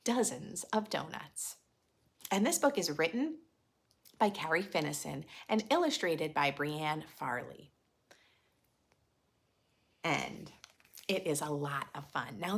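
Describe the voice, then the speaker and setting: Reading a picture book aloud to preschoolers, this woman voices the story with expression and drama, slipping in simple teaching questions and explanations. Her voice sits on the low side, creaky and a bit bright.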